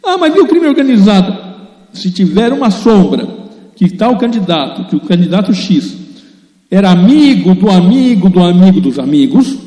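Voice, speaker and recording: A native Italian speaker born in Italy gives earnest, emphatic commentary, addressing his listeners directly. His voice is high-pitched and warm, and the recording has a roomy echo with long reverb.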